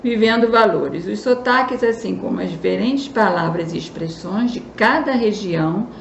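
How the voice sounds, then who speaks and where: A woman teacher with a Brazilian Southeast accent gives a remote lesson to children, explaining slowly and often checking in with a quick question. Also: mid-range voice, expressive, creaky, reverberant, muffled recording, a little hiss or hum.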